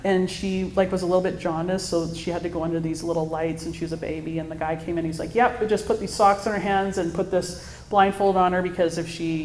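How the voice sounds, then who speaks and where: A woman's voice: fairly low pitch, a little mellow, slight background noise. A woman in her thirties giving a heartfelt faith talk at an event, telling personal stories with occasional laughs. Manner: earnest, storytelling, laughs now and then. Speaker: speaker at a mother-daughter church event. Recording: echoey room with faint ambience.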